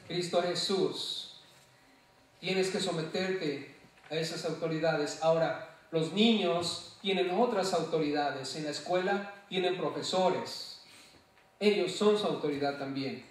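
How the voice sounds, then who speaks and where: A man preaches from the pulpit with a fairly high voice, firing questions at his congregation and answering them himself. He sounds a little off-mic, and the whole church rings around him with heavy echo. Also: slow, recorded from a distance. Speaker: pastor. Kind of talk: sermon. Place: church sanctuary. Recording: very echoey hall, voice from off-mic.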